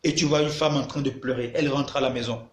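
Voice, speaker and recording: A man's voice: mid-range voice, steady tone, fast talker, roomy sound. A man preaching a sermon to a video audience, emphatic and repeating his phrases as he addresses listeners directly.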